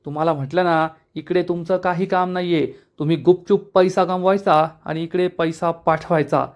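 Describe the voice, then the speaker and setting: A scheming middle-aged aunt snaps with irritation. A man reads her in a soap recap, a touch high in pitch. Her tone stays curt and sharp. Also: steady tone, normal speed, natural voice. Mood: irritated.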